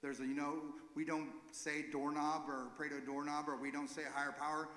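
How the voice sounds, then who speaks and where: A man leading a recovery ministry gives an informal, earnest church talk, halting and correcting himself as he goes. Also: on the high side, flat delivery, a bit bright. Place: church sanctuary. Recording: echoey hall with long reverb.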